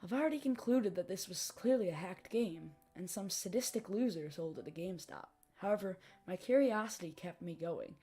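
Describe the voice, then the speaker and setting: A woman narrating a scripted horror story, reading dramatically with phrases that tail off softly. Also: on the low side, expressive, normal speed, hardly any pauses, husky. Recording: music behind the voice. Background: music.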